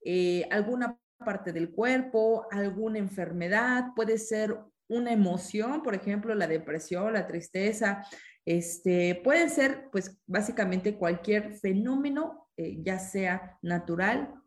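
A woman's voice: medium pitch, takes it slowly. A woman teaches a live online class. She explains patiently, asks the students questions and reads their comments aloud. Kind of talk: live-streamed lesson reading chat comments.

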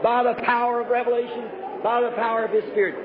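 An evangelist preaches fervently to a revival congregation, exhorting his listeners in a large, reverberant meeting hall with a crowd audible behind him. His voice is very high-pitched, quick, and flat in delivery, and the old recording sounds tinny, noisy, and echoing.

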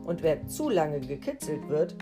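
A woman voicing a small, worried yellow mouse in a storybook reading, speaking slowly in a changed voice over soft guitar. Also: low voice, sing-song. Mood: warning.

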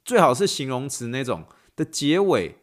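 A man's voice: mid-range voice, sing-song, normal speed. A man hosts a casual podcast lesson late at night, and he sounds tired. He teaches in a playful way, dropping in English phrases and spelling words out letter by letter. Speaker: podcast host and athletic trainer.

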